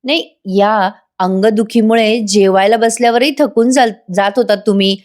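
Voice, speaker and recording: A woman's voice: medium pitch, steady tone, moderate pace, a little mellow, natural voice. A woman voicing a caring young wife who coaxes her husband in a retold serial scene. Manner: concerned, coaxing.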